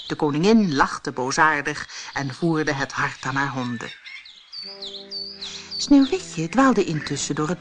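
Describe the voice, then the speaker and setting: A woman narrating a fairy tale in a lively, expressive storytelling manner. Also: low voice.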